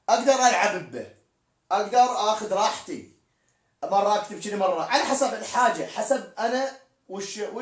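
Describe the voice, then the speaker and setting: A man teaching poetic meter in a live-streamed lesson, spelling out words letter by letter as he explains. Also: sits high. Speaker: poetry teacher. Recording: echoey room, distant mic.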